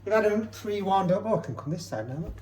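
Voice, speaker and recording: A man's voice: sits high, expressive, fast talker, darkish tone. A man co-hosting a cooking demonstration at home, chatting and teasing while he chops. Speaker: cooking show co-host. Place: home kitchen. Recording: echoey kitchen with background noise. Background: chopping sounds.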